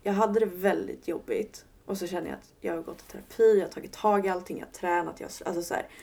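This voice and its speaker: A woman's voice: fairly low pitch, steady tone, gravelly, darkish tone. A woman in her twenties, a podcast guest, speaking candidly and searchingly and often laughing at herself. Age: 20s. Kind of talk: casual podcast conversation.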